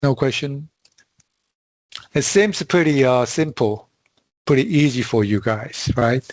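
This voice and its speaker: A man teaching a class over a video call, walking through spreadsheet formulas in a slow, halting way with frequent fillers. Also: medium pitch, animated, no room sound. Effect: heard over a video call. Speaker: instructor. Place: video call from a quiet room. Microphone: computer mic on a video call.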